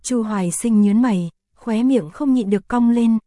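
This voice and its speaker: A woman narrating an audio story in a steady, even reading voice. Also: fairly high pitch, moderate pace, no echo, studio quality.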